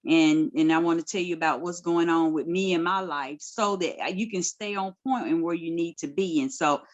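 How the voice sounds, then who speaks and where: Lower-voiced woman giving blunt advice. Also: normal speed, lo-fi sound. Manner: lively, colloquial, gives direct life advice. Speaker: guest minister. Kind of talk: casual podcast advice talk.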